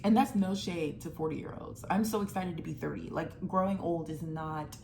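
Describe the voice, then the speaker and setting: Low-pitched and creaky with a darkish tone, this voice stays fairly even in intonation over slight background noise. The speaker is a twenty-something woman giving emphatic, casual film commentary, heavy on "like" and filler, sometimes rushing and sometimes stretching words out.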